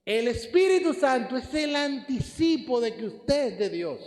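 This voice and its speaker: A man's voice: extremely high pitch, very animated, a little slow. A man with a Dominican Spanish accent preaching a sermon, posing rhetorical questions to the congregation. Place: church hall. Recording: long church hall reverb.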